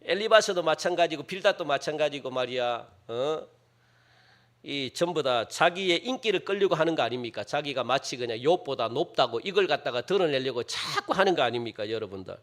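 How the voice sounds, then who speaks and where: A middle-aged male pastor preaching with a high, bright voice that swings widely in pitch. He talks in a conversational, animated way, prodding the congregation with quick questions and acting out the people he quotes. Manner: lively, conversational preaching with frequent rhetorical "예?" and "어?"; acts out quoted speakers in shifting voices. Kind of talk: sermon.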